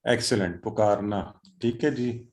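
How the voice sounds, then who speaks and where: A man teaching an online Quran and Arabic class over a video call, encouraging and drilling students by slowly repeating Arabic words. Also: on the low side, a little mellow.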